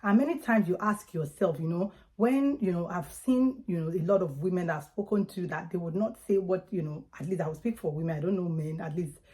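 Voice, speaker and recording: A woman's voice: lowish voice, a little fast, hardly any pauses, mellow. A woman with a Nigerian Yoruba accent giving casual, emphatic advice straight to viewers in a conversational way. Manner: emphatic, conversational, acts out examples. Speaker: parenting vlogger.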